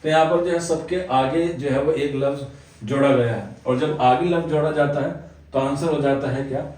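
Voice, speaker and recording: Echoey teacher talking off-mic. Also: male voice, mid-range voice, steady tone, moderate pace, a little mellow, recorded from a distance. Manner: repeats "jo hai vo" filler constantly, explanatory. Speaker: Urdu exam coaching teacher. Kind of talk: exam answer-key lesson.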